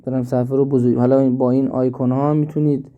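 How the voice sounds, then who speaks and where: A man teaching an app step by step, slowly and with repeats, in a screen-recorded tutorial. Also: mid-range voice, flat delivery, narrow, tinny audio. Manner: slow step-by-step explaining, repeats himself. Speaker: instructor.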